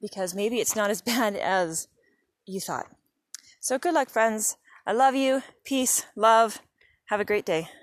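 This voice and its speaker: A woman's voice: medium pitch, measured pace, no room sound. A mother talking casually and encouragingly to her viewers while out on an early morning walk by a creek. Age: adult mother of young kids. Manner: chatty, encouraging, talks directly to viewers. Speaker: vlogger. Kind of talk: casual motivational vlog. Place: outdoors by a creek in the woods.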